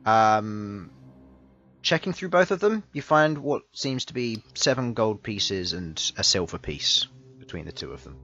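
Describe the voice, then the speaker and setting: A man running a tabletop game as game master, describing scenes slowly with many fillers and pauses. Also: on the low side, lively intonation, fairly bright tone. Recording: dull lo-fi mic, faint music behind.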